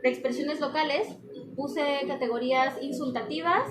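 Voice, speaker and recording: A woman's voice: high voice, moderate pace, over music. A young woman, chatting casually in an interview and explaining with examples and many fillers. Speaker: interviewee, anthropology student. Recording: echoey room with background noise.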